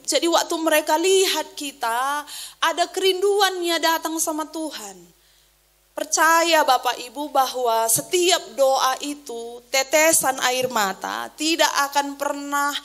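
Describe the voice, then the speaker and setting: A woman pastor preaches in a high, bright voice. She tells personal stories with vivid swings from loud exclamations to hushed asides. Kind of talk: sermon.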